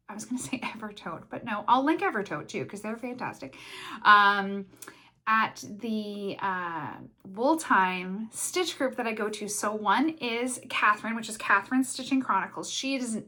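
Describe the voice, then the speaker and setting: Fast-talking chatty woman vlogger. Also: medium pitch, bright, forceful tone. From Canada. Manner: fast-talking, rambling, many fillers and restarts. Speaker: cross stitch vlogger. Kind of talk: casual chatty vlog.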